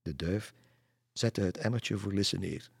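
Calm and unhurried, a man narrates a children's story in a deep, faintly husky voice. It's recorded up close and dry, free of any room sound.

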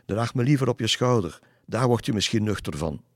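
A man's voice: low voice, slow, slightly rough, no room sound, studio quality, heavily acted. A man voicing a mocking, shape-shifting male fiddler spirit who taunts people in a folk tale. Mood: bossy, scornful.

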